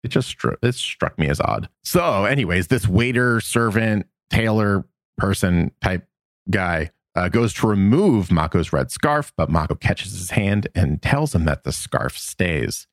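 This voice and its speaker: A man co-hosting a podcast, chatting casually and recapping episodes with a relaxed, rambling manner. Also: deep voice, a little slow, no room sound, clean studio sound. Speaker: podcast co-host.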